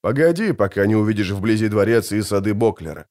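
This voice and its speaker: A man's voice: lowish voice, lively intonation, fairly quick, a little mellow, natural voice. A man voicing a grim, laconic male witcher in a fantasy audiobook, speaking tersely. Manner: terse and curt.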